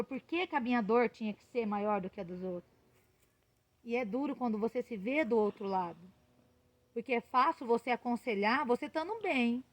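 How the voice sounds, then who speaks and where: A woman missionary delivers a heartfelt sermon in a notably high voice. She speaks with passion and pushes up to emphatic peaks. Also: rough recording. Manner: impassioned, rising to emphatic peaks. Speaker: missionary preacher.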